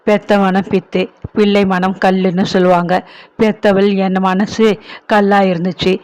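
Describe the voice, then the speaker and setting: A man's voice: sits high, smooth. A man voicing an elderly ailing mother who pleads with her son, emotional and remorseful.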